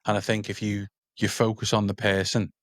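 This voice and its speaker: Male podcast host: low voice, chatty, keeps checking in with his guest, dry close sound. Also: completely flat delivery, a little fast, a bit bright, no room sound. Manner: conversational, often checks in with listeners. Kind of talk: podcast interview conversation.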